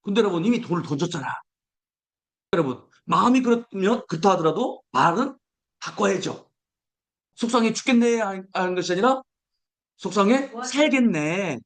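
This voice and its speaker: A male pastor preaching a sermon, acting out everyday complaints with a raised voice and slowing down to recite scripture. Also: high-pitched, lively intonation.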